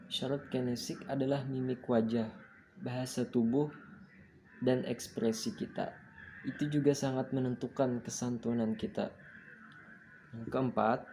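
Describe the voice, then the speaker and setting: A young male student explains course material in a methodical, step-by-step lesson. His voice is mellow and dark, held to a flat, narrow pitch. Faint background noise sits under the recording. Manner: steady, methodical listing of points.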